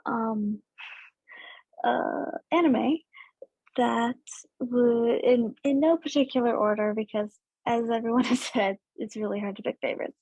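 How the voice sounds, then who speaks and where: A woman's voice: on the high side, unhurried, darkish tone, slightly rough, dry recording. A woman guest chatting casually on a roundtable podcast, hesitant, with many ums and restarts. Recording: dull lo-fi audio.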